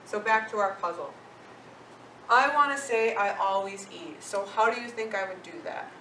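A woman teaching a language lesson at an unhurried pace, pausing often to ask her learners if they follow. Her voice is picked up from some distance off in an echoey room with a faint hiss of background noise. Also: medium pitch, pushed and bright. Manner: patient, asks questions and checks in with "okay?". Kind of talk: classroom-style language lesson. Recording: roomy, echoey sound from a distant mic.

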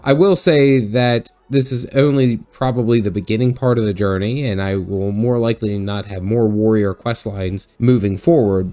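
A young man recapping his own gameplay in a loose, sarcastic way, poking fun at what he sees on screen. His voice sits at an ordinary middle pitch, and he laughs easily between lines. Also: a little mellow. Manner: sarcastic, joking, laughs often. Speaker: gaming video host.

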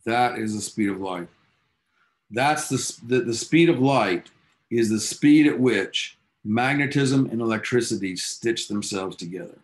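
A man's voice: mid-range voice, expressive, unhurried. A man teaching a physics class, telling the story behind the science in an enthusiastic, casual, storytelling way with offhand asides to his students. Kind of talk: classroom lecture.

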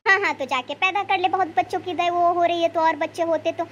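A high-voiced performer plays a cruel young daughter-in-law in a cartoon family drama, mocking and threatening her mother-in-law. Her voice is very high, with a faint hiss of noise behind it. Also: fairly even intonation, fast, a bit bright, dull audio. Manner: sneering, threatening. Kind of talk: cartoon voice acting.

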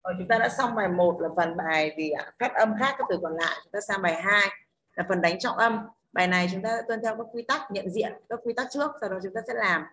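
Fairly quick and fairly bright, at medium pitch, a woman leads an online English lesson with a Northern Vietnamese accent. She unpacks pronunciation rules in steps and checks in often by asking "đúng không?".

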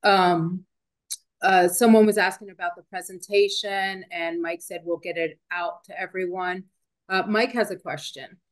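A woman's voice: on the low side, steady tone, unhurried. A woman moderating a webinar, casually relaying audience questions from the chat with many fillers.

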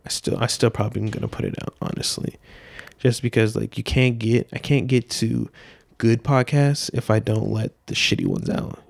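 Husky and darkish with some vocal fry, his medium-pitched voice carries a solo podcast he hosts from a small room at home. He's in his twenties, wears headphones, speaks into a handheld dynamic mic, and rambles casually with plenty of fillers and swearing.

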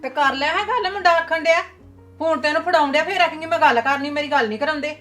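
A woman's voice: high-pitched, quick pace, fairly bright tone, soft background music. A woman playing a scolding, mocking rural mother-in-law with a Punjabi accent.

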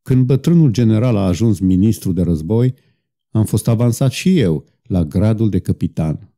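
A man's voice: lowish voice, expressive, dark tone. A man voicing a proud, bitter young guard officer who talks sadly and defensively in an audiobook. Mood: recounting.

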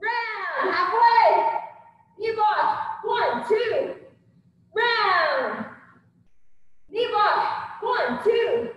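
A woman's voice: extremely high pitch, expressive, very slow, pauses often. A woman kickboxing coach energetically calling boxing combos and counts while exercising along with her class. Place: indoor gym with turf floor. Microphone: far camera across the room. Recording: echoey gym hall, far from mic, muffled.

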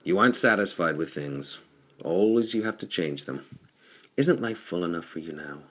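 A man reading the lines of a big bald male pirate lieutenant who talks gruffly and scornfully. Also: sits low, lively intonation, normal speed, fairly bright tone.

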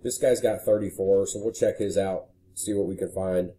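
Low, dark-voiced man explaining casually. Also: fairly even intonation, normal speed, slight background noise. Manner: casual and conversational, frequent "you know". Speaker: marketing consultant. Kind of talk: screen-share walkthrough.

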